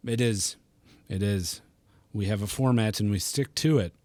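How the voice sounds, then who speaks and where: A man's voice: on the low side, normal speed, a little mellow, no echo. A man from Milwaukee hosting a gaming podcast, chatting casually in a joking, rambling way. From Milwaukee, USA. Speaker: podcast host.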